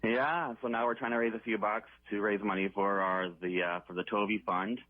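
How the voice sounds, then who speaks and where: Man, low voice, animal control officer, casual halting talk, phone-line audio. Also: steady tone, dry recording. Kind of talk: phone-in radio interview.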